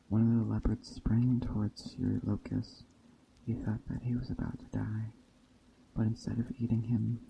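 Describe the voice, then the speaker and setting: A storyteller reads a story aloud in a soft, hushed ASMR bedtime style, slow and deliberate. His fairly low voice is creaky, and the recording sounds dull and muffled, with faint, soft nature ambience in the background.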